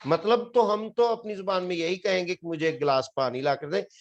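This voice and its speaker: A high-voiced man from Pakistan moves briskly through a classroom lesson on English spelling, explaining patiently and repeating each word. The recording has its highs cut off.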